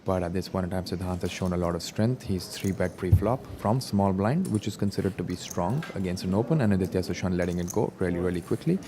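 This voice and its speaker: A man giving live poker commentary in a measured, explanatory way. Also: low voice. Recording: noisy live-event ambience.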